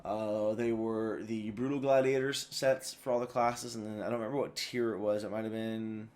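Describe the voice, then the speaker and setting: A man's voice: fairly low pitch, steady tone, normal speed, darkish tone. A tired man hosting a video, giving casual, rambling commentary full of fillers and restarts. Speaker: video host.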